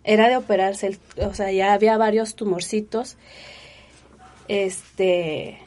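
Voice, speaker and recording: A woman, telling her personal story in an interview with earnest, animated feeling and many fillers. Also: mid-range voice, unhurried. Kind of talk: emotional personal testimony.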